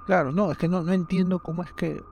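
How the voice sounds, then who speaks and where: A man in a casual film chat, animated and jokey, acting out little quotes. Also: high-pitched, fast talker, gravelly, a little hiss or hum.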